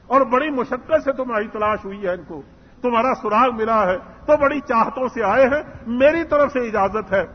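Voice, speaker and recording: A man with a very high, husky voice gives an earnest religious lecture, telling a story and voicing its dialogue. The recording is muffled and carries a long echo from a large hall. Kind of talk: Islamic lecture.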